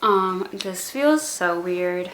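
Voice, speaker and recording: A woman's voice: fairly low pitch, expressive, extremely slow, fairly bright tone, roomy sound. Young woman slurring after jaw surgery. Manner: rambling, many ums and likes, self-conscious. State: struggling to pronounce words after jaw surgery. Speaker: vlogger. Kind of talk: casual vlog update.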